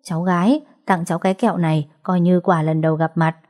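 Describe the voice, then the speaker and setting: A woman's voice: on the low side, fairly even intonation, fast, darkish tone, natural voice. A woman voicing a sly male kidnapper who plays a friendly stranger, talking in a falsely friendly, coaxing way.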